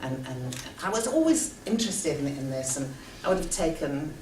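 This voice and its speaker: A woman's voice: deep voice, sing-song, moderate pace. An older woman on a conference panel speaking in an articulate, wry way. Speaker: panelist, former headmistress. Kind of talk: panel talk. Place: conference hall. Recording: echoey hall, distant mic, background noise.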